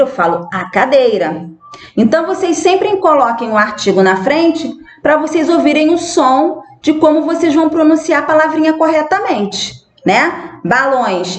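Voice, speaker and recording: Patient Brazilian teacher in an echoey room. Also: female voice, fairly high pitch. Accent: Brazilian Portuguese. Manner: patient, repeats words slowly, tag questions to pupils. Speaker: primary school teacher. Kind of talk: recorded remote grammar lesson for children.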